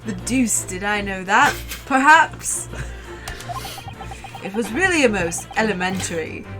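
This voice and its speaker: A woman's voice: medium pitch, animated, unhurried, sharp tone. A woman voicing a pompous, eccentric male detective with grandiose, old-fashioned phrasing over game music.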